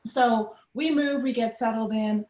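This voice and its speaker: Trinidadian woman, middle-aged, guest recounting her past with animated voices, echoey room. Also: on the high side, a little slow. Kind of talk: personal storytelling in an interview. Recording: roomy echo.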